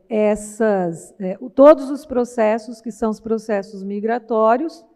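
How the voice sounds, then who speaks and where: A woman with a caipira accent addresses a conference panel, her slightly high, mellow voice carrying through a large auditorium. She speaks in reflective, winding sentences and keeps checking in with the audience through tag questions. A long reverb trails behind every phrase. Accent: caipira, interior São Paulo. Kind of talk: academic conference talk.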